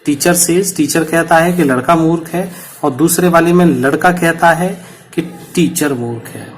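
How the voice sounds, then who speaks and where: A man's voice: fairly high pitch, measured pace, a little hiss or hum. A man teaching a punctuation lesson to students, explaining patiently and repeating each example.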